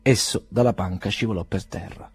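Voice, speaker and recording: A man reading a novel aloud in calm, measured narration. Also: lowish voice, vocal fry, slightly rough. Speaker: audiobook reader. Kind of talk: scripted narration.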